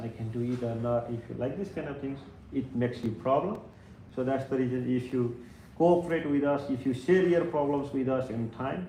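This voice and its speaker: A man's voice: medium pitch, mellow, slight background noise. Earnest man. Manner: earnest, repeats "like this kind of things". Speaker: tour leader. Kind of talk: briefing a tour group. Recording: echoey room, faint ambience.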